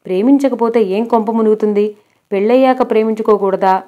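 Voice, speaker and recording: A woman's voice: on the high side, a little fast, warm tone, highs cut off, close to an everyday voice. A woman voicing a furious young wife who scolds her husband indignantly in an audiobook story. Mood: angry scolding.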